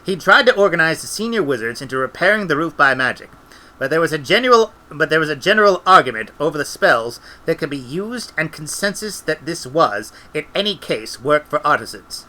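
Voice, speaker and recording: Middle-aged male reader, bright voice, animated comic narration. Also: on the high side, brisk, low-quality recording. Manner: lively, expressive storytelling. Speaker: audiobook reader. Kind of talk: comic novel reading.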